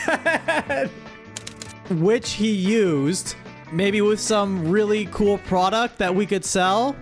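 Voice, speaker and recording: With faint music underneath, a high-voiced male streamer hosts in a casual, comedic style. Reading his viewers' words aloud, he sounds exasperated and scolds them playfully.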